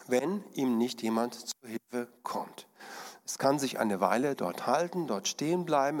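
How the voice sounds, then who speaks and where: Slow, calm preacher in a reverberant hall. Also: male voice, medium pitch. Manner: calm, explanatory, with frequent fillers. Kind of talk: sermon with slides.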